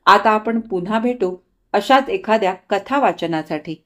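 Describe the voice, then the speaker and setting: A woman reading a short story aloud, with expressive, steady narration. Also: medium pitch, a little slow.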